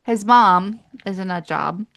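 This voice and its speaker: A woman co-hosting a podcast, talking about books in a sarcastic, drawn-out way with laughing asides. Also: medium pitch, vocal fry, a bit bright, a little hiss or hum. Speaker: podcast co-host. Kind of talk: casual book chat.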